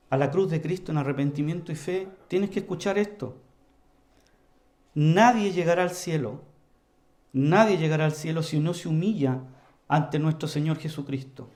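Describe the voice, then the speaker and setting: High-voiced man preaching a sermon. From Chile. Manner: earnest, emphatic, often addresses the congregation as "hermanos"; varies volume widely, rising to loud emphasis and dropping low.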